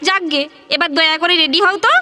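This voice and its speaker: An actress playing a brisk, impatient married daughter in an audio drama, with a Bengali accent and a scolding way of talking. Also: female voice, extremely high pitch, pushed and bright, exaggerated voice.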